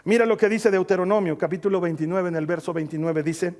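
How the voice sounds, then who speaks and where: A male pastor with a notably high voice preaches a sermon. He tells stories with animation, rising loud and dropping soft, and calls on his listeners to read scripture with him. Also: quick pace. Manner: animated storytelling, swings between loud and soft; asks the congregation to read scripture aloud with him.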